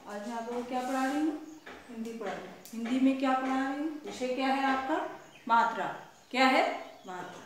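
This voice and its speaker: A woman's voice: high voice, fairly even intonation, quick pace, very echoey, slight background noise. A woman teaching young children, asking each question and then answering it herself. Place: classroom.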